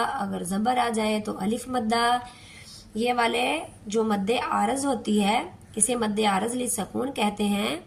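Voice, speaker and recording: A woman with a creaky voice on the high side teaches tajweed slowly and step by step. Patiently she repeats each word of the Quran, stretching the recited lines into a drawn-out chant.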